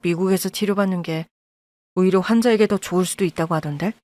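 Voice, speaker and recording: A woman voicing a calm, protective adult son who speaks low and steady, in an audio drama. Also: fast, no echo, natural voice. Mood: gentle. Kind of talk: Korean audio-drama acting.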